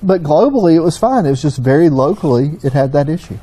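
Middle-aged Southern US man, folksy technical explainer; high-pitched, mellow tone. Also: animated, fast, husky. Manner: folksy, storytelling. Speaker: engine consultant.

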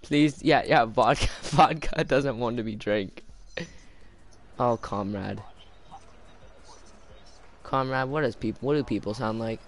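A man streaming a party game with friends, joking around and laughing often in loose, excitable banter. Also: medium pitch, slow pace, pauses often, poor audio. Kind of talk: casual gaming banter. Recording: loud background noise.

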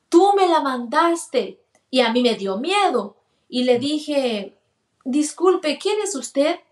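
A woman, earnestly telling a personal testimony and acting out the dialogue. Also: high voice. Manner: earnest, acts out quoted dialogue. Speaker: guest sharing a testimony. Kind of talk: personal storytelling.

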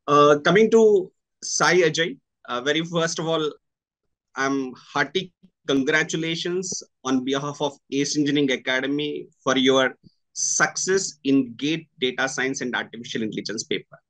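A man in his thirties with an Indian accent, interviewing over a video call with halting, deliberate phrasing. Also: a little high, fairly bright tone, low-quality recording. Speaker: interviewer, senior faculty at a coaching academy. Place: small room indoors with curtains.

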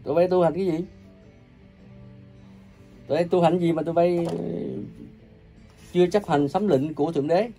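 A man preaching an angry, ranting sermon, cursing and scolding his listeners with coarse insults, his volume swinging from loud bursts to low mutters. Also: fairly even intonation, normal speed, pauses often, faint music behind. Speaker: self-proclaimed religious preacher.

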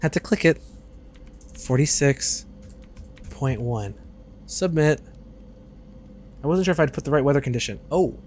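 A young man in his twenties giving casual, joking commentary while streaming a game, with loud outbursts and swearing, on a studio mic. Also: a little high, lively intonation, unhurried, pauses often, a little hiss or hum. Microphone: studio mic on arm.

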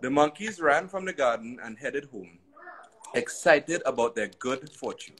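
A man narrating a children's story aloud in an expressive, sing-song way. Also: mid-range voice, unhurried, slightly rough, low-quality recording.

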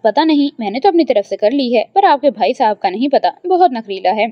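A woman's voice: on the high side, sing-song, dry recording. A woman voicing a spoiled young woman who complains petulantly and dreams of wealth. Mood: scheming. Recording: dry, slightly dull lo-fi.

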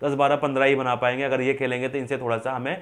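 A young man rattles through a fantasy cricket rundown at a brisk clip, with a mid-range voice. He keeps asking himself quick questions and answering them, gesturing as he goes. It is close and clean on a lapel mic in an indoor studio. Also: mid-range voice. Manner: rapid, animated hand gestures, self-asking "who?" then answering. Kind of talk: fast scripted-free stats rundown to camera. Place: indoor studio with printed backdrop. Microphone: lapel mic, medium framing.

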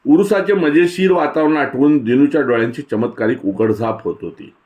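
Male storyteller, calm measured reading of a literary tale, middle pitch. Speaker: story reader.

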